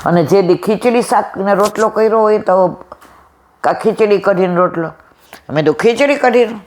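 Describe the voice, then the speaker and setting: A woman's voice: mid-range voice, moderate pace, darkish tone, slight background noise. A woman giving a devotional satsang talk, retelling a conversation and fondly calling listeners "my dear". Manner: affectionate, storytelling, addresses listeners as "my dear". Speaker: satsang speaker.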